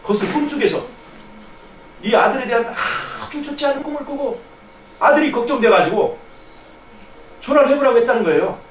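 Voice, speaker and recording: A man preaching a sermon and telling a personal testimony in an earnest storytelling manner, his voice dropping to a hush and then rising. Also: very high voice, expressive, fairly quick, pauses often. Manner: earnest storytelling, swinging from hushed to raised. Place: church hall. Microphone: distant room mic on a live stream. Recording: echoey church from a distance, faint noise.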